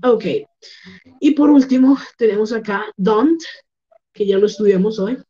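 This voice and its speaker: A woman teaching English online in Spanish, explaining slowly and repeating words for pronunciation, with a Colombian accent. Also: on the high side, mellow, dull audio. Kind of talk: online class lesson.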